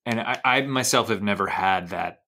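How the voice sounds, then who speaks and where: Male podcast host, a little low in pitch, chatty and animated, wanders through his anecdotes. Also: normal speed. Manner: animated, rambling storyteller. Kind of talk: conversational interview.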